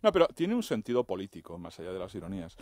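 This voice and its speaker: A male radio panelist with a low voice who rattles off anecdotes at very high speed. He is recorded on a close studio microphone with a dry sound. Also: wildly swooping pitch, a little mellow, no room sound. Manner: rapid, anecdotal storytelling.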